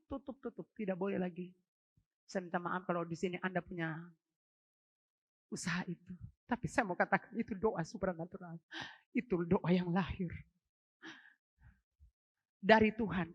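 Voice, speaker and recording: A woman's voice: mid-range voice, no room sound, dull audio. A middle-aged woman pastor from Ambon, giving an emotional sermon testimony and calling out to her congregation during a church service. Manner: fervent, emotional, keeps addressing the congregation.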